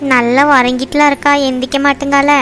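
Cartoon: woman voicing a soft-spoken, caring village woman, high voice. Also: little pitch movement, fast talker. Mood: gentle. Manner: gentle, soothing. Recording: soft music underneath.

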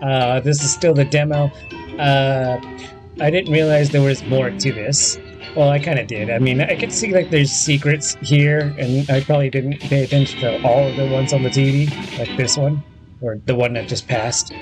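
This gaming video host, a man in his thirties, rambles casually through a let's play with a steady, mid-range voice at moderate pace. The recording is rough, with faint game music and game audio underneath.

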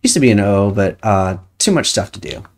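A woman's voice: very deep voice, animated, brisk, a little mellow. A woman streaming a video game, chatting casually and thinking aloud as she plays. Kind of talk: casual chat while playing a game.

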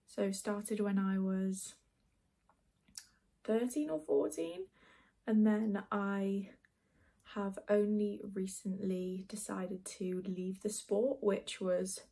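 Doing her makeup in a small, dim bedroom, a twenty-year-old woman chats casually for a get-ready-with-me video, rambling with lots of fillers. She talks slowly in a steady, mid-range voice that's creaky and mellow.

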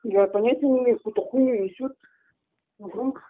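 A woman's voice: a little high, brisk. A woman heard over a phone line, answering a prank call, puzzled and irritated as she questions the caller. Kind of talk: confused phone conversation. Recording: tinny narrow phone line.

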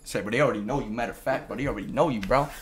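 A man's voice: medium pitch, very fast. A young man livestreaming casually, talking in hyped frat-bro slang to his chat. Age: teens to young adult. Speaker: live streamer. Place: bedroom at home, indoors.

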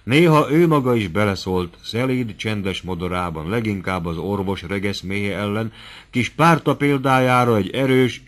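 Low-voiced male audiobook narrator.

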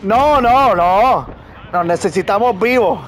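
A man chatting casually while playing an online game with a friend, teasing him and breaking into excited shouts. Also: high voice, slow pace. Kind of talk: casual gaming chat.

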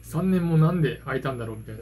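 A Japanese man in his forties, a vlogger and card game hobbyist, rambles casually to his camera from a small, dim room at home, dropping hesitant, self-deprecating asides. His voice sits on the high side, dark in tone, expressive and very fast. He's recorded on a phone propped at arm's length, with a little hiss or hum.

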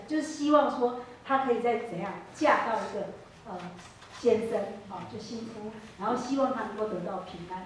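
Woman, Taiwanese Mandarin accent, sermon storytelling, rhetorical questions, higher voice, echoey church hall from a distance. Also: a little mellow, a little hiss or hum. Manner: hesitant, with fillers and self-corrections. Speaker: preacher.

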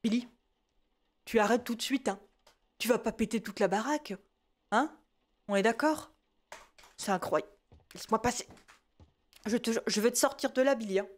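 A woman's voice: fairly high pitch, moderate pace, long pauses, lightly acted. Woman playing an exasperated scolding mom. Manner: scolding, peppered with "hein" and mild swearing. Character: exasperated mother scolding her unruly little son. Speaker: gaming video creator. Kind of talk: comic game role-play.

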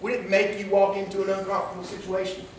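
A man's voice: high voice, monotone, quick pace, slight background noise. A male pastor preaching a conversational sermon in a church, often checking in with "right?". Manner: conversational, with frequent "right?" and "here's the thing". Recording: echoey hall, distant mic.

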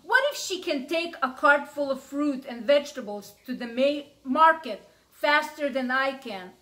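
A woman's voice: high-pitched, expressive, unhurried, pushed and bright, full character voice, poor audio. A woman voicing an anxious female cart horse in a children's story, in a worried, pleading way.

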